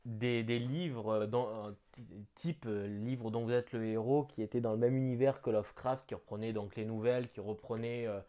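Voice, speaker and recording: A man doing casual unboxing commentary on a gift. He thinks aloud, talks chattily and breaks into bursts of excitement. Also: mid-range voice, moderate pace, few pauses. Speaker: board game unboxing vlogger.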